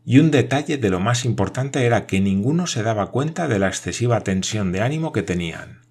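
A man narrating an audiobook in a measured storytelling manner. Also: fairly low pitch, lively intonation, a little mellow, husky.

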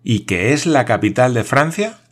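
A man voicing an excitable, middle-aged French geographer who exclaims in theatrical amazement. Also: mid-range voice, moderate pace, breathy edge, pitched above the performer's own voice. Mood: astonished.

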